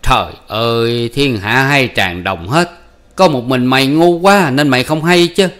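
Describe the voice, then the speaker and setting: A man's voice: medium pitch, measured pace, a bit bright, pitched above the performer's own voice, close to an everyday voice. A male audiobook reader voicing a blunt, teasing older village official who mocks a simple farmer. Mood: mocking. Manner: teasing, blunt, laughing at others.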